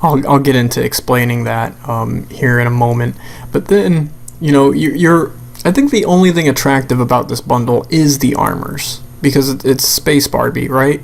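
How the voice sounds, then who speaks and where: A man's voice: medium pitch, fairly even intonation, moderate pace, vocal fry. A man giving an unscripted, blunt and sweary rant as commentary over a video game, sounding exasperated. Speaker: gamer making a rant video.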